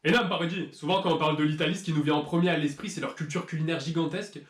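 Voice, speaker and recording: A man's voice: a little high, fairly even intonation, rapid-fire. A man hosting a cooking video, explaining history and ingredients in a playful, teasing way with mock-serious jokes. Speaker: cooking channel host. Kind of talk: jokey cooking video narration. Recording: roomy echo.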